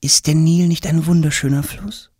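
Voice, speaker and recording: Man putting on a high young woman's voice, gossipy, confiding, storybook. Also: steady tone, normal speed, dark tone, breathy edge, dry recording, clean studio sound. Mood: friendly. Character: chatty young woman on a ship.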